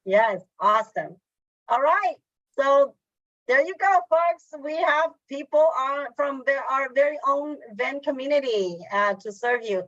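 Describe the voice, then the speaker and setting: A woman hosting an online meeting in casual talk, halting and full of fillers. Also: high voice, lively intonation, fairly bright tone, no room sound. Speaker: meeting host. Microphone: video call. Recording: dull lo-fi call audio.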